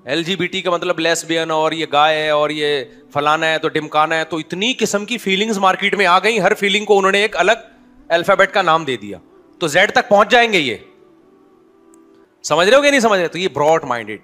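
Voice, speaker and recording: Guy preaching in a chatty joking way, bright tense voice, kinda high, faint music under it. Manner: chatty, humorous, keeps asking listeners if they follow. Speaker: Islamic scholar. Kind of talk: conversational religious talk with anecdotes.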